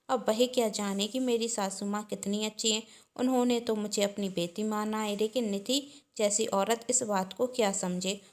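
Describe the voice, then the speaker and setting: A woman's voice: medium pitch, natural voice. A woman voicing a scheming young daughter-in-law who speaks sweetly but falsely, in a family storybook reading.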